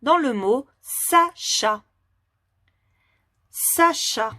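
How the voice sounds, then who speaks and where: A woman leads a phonics lesson for small children, speaking very slowly and carefully. Her voice sits slightly high, and each word is articulated with patient clarity. The sound is dry and close, with no room echo. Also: expressive, fairly bright tone. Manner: slow, clearly articulated, patient questioning. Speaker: teacher.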